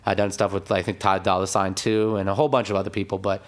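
A man with a hoarse, raspy throat, chatting casually as a DJ guest and giving hyped, slangy shout-outs. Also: low-pitched, little pitch movement, fast. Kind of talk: casual podcast chat.

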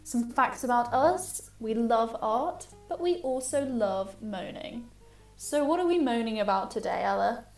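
A woman's voice: on the high side, expressive, unhurried. A young woman co-hosting a podcast, chatting in a wry, easygoing way. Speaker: podcast co-host. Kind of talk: casual chat. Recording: echoey room with faint music.

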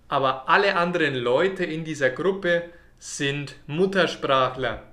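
Guy teaching german online, talks real slow and clear, bright fairly high voice. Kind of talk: online language lesson.

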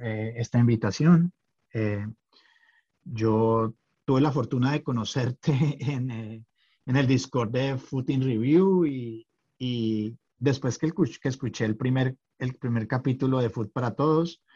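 Middle-aged man, podcast guest, halting delivery, lo-fi recording. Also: mid-range voice, darkish tone, slightly rough. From Colombia. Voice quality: hesitant, many fillers and restarts. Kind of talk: casual chat.

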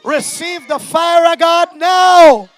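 A man preacher shouting deliverance prayers, commanding spirits out in slow, repeated chant-like phrases. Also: extremely high pitch, soft background music.

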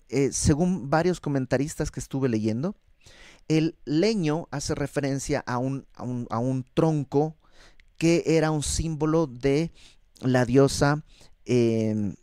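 A man's voice: a little high, a little mellow, no echo. Man preaching, dry close sound. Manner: conversational, acts out voices of people. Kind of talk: sermon teaching.

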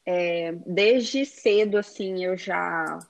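A woman's voice: on the low side, very slow, gravelly. A woman in her thirties with a Minas Gerais Brazilian accent, a podcast guest chatting casually with many fillers and restarts. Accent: Brazilian Portuguese, Minas Gerais. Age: 30s. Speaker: guest, digital influencer. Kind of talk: casual interview chat.

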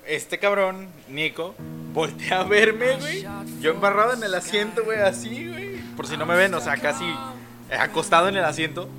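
A man's voice: high voice, moderate pace, over music. A man with a Mexican accent telling stories in a casual chat, full of slang and swearing. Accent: Mexican Spanish. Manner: animated storytelling, heavy slang and swearing. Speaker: podcast co-host. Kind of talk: casual chat among friends.

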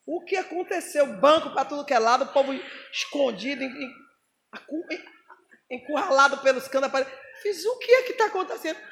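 High-voiced woman preaching a lively sermon. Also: brisk. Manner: lively, mocking storytelling with quoted voices. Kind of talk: sermon with testimony.

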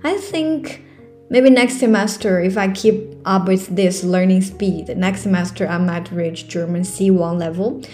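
This podcast host, a young woman from China with a Chinese accent, chats casually and earnestly on her own, with lots of fillers and restarts. She speaks at a measured pace in a mid-range voice with a dark tone, over soft background music.

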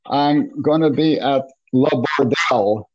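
A man's voice: mid-range voice, takes it slowly, dry recording. Man on a choppy call, endings cut off. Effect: choppy call audio with cut-off endings. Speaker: stand-up comedian. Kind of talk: casual phone chat. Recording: dull lo-fi call line.

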